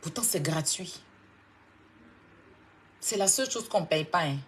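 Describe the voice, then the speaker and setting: A woman's voice: animated, unhurried, a little hiss or hum. Heated Ivorian woman scolding a rival. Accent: Ivorian French. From Côte d'Ivoire. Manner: confrontational, mocking, swings between loud outbursts and low scolding. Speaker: online commentator. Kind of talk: heated clash monologue.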